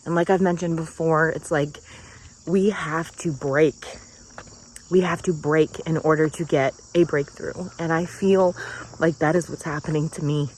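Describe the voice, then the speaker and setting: A woman in her forties crying as she talks earnestly in a personal vlog, her words halting and heartfelt. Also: low-pitched, steady tone, darkish tone, a little hiss or hum, low-quality recording. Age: 40s. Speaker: vlogger.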